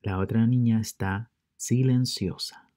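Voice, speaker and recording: A man teaching English words to children, repeating each word pair slowly and stressing how to say it. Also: on the low side, steady tone, warm tone. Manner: drills word pairs with slow, careful repetition; stresses English pronunciation for learners. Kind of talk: bilingual vocabulary lesson for children.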